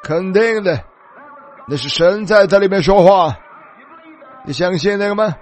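A man delivers a fervent sermon in a fairly high voice. He retells scripture scenes with dramatic force and climbs into shouts. The sound is that of an old radio-style recording. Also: measured pace. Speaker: preacher.

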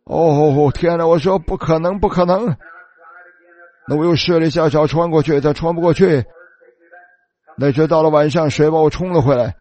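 A man preaching with a dark, mellow voice, telling his own story as a sermon testimony. He speaks earnestly, opens many sentences with a small filler word, and acts out the words of the people he quotes. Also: fairly high pitch, steady tone, a little fast. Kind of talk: first-person sermon testimony.

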